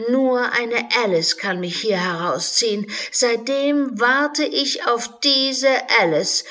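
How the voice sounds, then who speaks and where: A woman's voice: fairly high pitch, gravelly, voice pushed up, full character voice. Woman putting on a whiny tiny unicorn. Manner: loud, complaining, cries out in pain.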